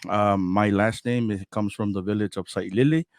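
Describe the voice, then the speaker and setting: Low, smooth-voiced man from American Samoa. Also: fairly even intonation, moderate pace, no room sound, clean studio sound. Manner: hesitant, many fillers and restarts. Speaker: podcast host, interview guest. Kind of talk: casual interview talk.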